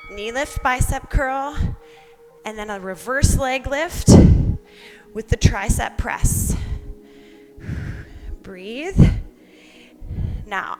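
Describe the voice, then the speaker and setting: A woman leading a workout as instructor, encouraging and counting down cues while exercising along. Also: fairly high pitch. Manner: exerting herself while talking, exercising along.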